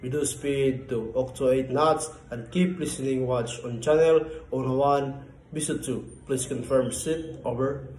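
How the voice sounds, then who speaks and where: A man's voice: medium pitch, steady tone, a little slow, darkish tone. Man answering as port control on marine radio. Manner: formal, gives instructions in clipped radio phrases. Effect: marine radio call. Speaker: port control operator and harbor pilot. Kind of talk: scripted marine radio procedure. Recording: echoey room with faint background hum.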